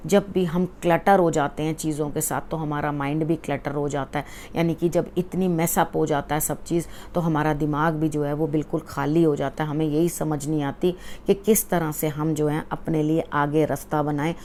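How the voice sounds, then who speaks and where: A woman tarot reader giving a weekly forecast, speaking earnestly to the viewer and often checking in with a quick "okay" as she advises. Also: low-pitched, steady tone, mellow, a little hiss or hum. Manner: mixes English words into Hindi.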